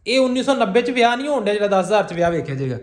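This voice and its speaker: Young punjabi guy joking around with his mom, fast, high voice, echoey room. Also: big pitch swings, very noisy. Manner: teasing, swings between loud and low. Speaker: vlogger son. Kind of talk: family prank vlog banter.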